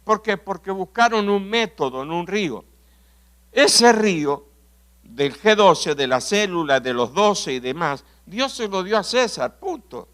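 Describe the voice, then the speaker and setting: Man, Argentine accent, pastor preaching a sermon, storytelling, rhetorical questions, clears throat often, fairly high pitch. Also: big pitch swings, measured pace, fairly bright tone. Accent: Argentine Spanish.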